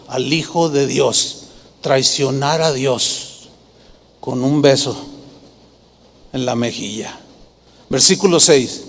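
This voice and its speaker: A man's voice: high-pitched, big-room sound. A man preaching a sermon as pastor, emphatic and full of rhetorical questions.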